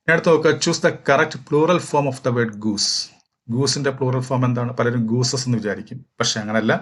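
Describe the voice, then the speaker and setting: A man from Kerala, walking through exam questions as a teacher, reading each question slowly and explaining at length with fillers. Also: medium pitch, fairly bright tone. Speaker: English teacher for exam prep. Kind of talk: exam question walkthrough lesson.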